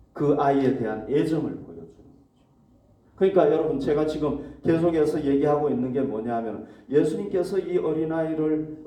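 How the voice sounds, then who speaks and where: Korean pastor guy preaching, kinda high but mellow voice, echoey hall, mic far off. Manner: asks the congregation questions and answers them himself. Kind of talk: sermon. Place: church hall.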